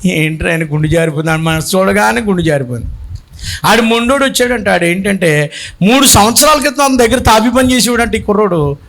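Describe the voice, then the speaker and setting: High-voiced preaching bishop, man. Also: fast, creaky. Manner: animated preacher, acts out characters and bursts into shouts. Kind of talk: Telugu sermon with storytelling.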